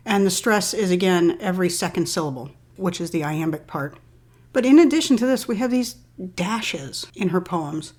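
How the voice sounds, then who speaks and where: Low-voiced woman explaining a poem. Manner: calm, measured explanation. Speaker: literature teacher. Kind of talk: poetry reading and analysis.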